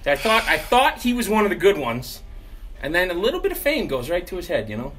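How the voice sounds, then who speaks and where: A man in his thirties with a husky, bright voice gripes his way through a casual comic interview. He speaks as the guest, sounding aggrieved, with very lively swings in pitch. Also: fairly quick. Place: small indoor studio in front of a banner.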